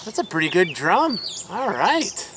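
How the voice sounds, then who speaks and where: A man in his forties, fishing from an outdoor riverbank, chatting excitedly to the camera and to the fish he catches. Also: high voice, measured pace, a little hiss or hum. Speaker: fishing vlogger. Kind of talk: casual narration while fishing. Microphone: chest-mounted action camera.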